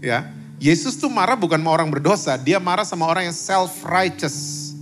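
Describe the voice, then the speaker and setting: A male pastor speaking in a somewhat high voice, preaching in a chatty way as a talk-show guest. He fires questions at the audience and drops English words into his talk. Soft music sits faintly behind him in a church meeting room. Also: moderate pace. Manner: animated, quizzes the audience, mixes in English words.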